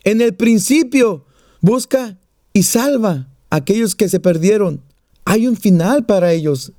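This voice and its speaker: Guy preaching, high voice, jokes around, dry close sound. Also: expressive, measured pace, mellow, no echo. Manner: joking storyteller, plays out little voices. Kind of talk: sermon.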